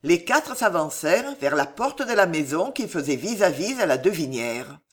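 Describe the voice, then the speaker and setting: A man reading a historical adventure novel aloud in a measured, theatrical way. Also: on the high side, sing-song, a bit bright. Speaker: audiobook reader.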